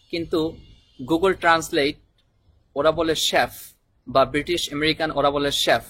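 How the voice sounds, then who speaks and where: Husky-voiced man teaching English words. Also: on the high side, bright, forceful tone. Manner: repeats words slowly, spells them letter by letter. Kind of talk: vocabulary lesson.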